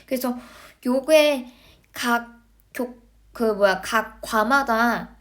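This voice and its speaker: A woman with a fairly high voice teaches a recorded lesson to middle school students. She explains step by step and keeps checking in with quick tag questions to make sure they follow. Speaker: English teacher.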